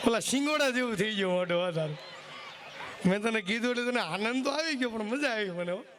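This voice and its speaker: A man's voice: high voice, expressive, fast talker, a crowd in the background. A man doing live folk stage comedy, telling jokes and teasing the audience. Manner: folksy, teasing, acts out characters in raised voices.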